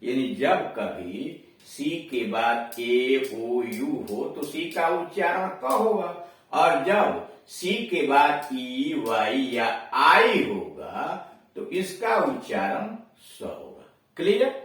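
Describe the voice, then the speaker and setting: A man with a Hindi accent, teaching English pronunciation slowly in a classroom lesson, repeating each word as he explains it. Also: medium pitch, expressive, a bit bright. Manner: slow, explanatory, repeats words for drilling. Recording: echoey room, voice far from mic.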